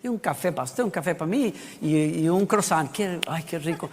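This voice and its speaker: A man playing God as a homely host who gently coaxes with questions, heard with long hall reverb. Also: sits high, big pitch swings, normal speed, husky, exaggerated voice. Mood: coaxing. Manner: chatty, coaxing questions.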